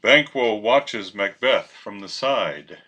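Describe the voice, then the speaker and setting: A man's voice: on the low side, lively intonation, slow pace, sharp tone, highs cut off, a little hiss or hum. A man narrating, reading out scripted stage directions for a play.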